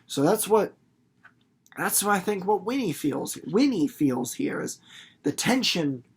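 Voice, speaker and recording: The voice is medium-pitched, slightly slow, breathy at the edges, and swings widely in pitch. It belongs to a reader and literature teacher running a read-aloud video series, who gives students casual, rambling commentary and explanation, playing things up theatrically with acted-out examples, sound effects, informal jokes, and repeated words for emphasis.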